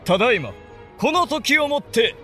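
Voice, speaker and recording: A man's voice: extremely high pitch, big pitch swings, moderate pace, pushed and bright, faint music behind, full character voice. A man playing a proud samurai commander, proclaiming grandly to his army like a town crier in a period drama. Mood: resolute. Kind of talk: period audio drama acting.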